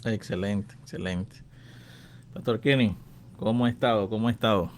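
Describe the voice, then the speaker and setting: A man's voice: lowish voice, fairly even intonation, normal speed. A man in his thirties hosting a Bible-lesson radio program, friendly and chatty, laughing often. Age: 30s. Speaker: radio host and pastor.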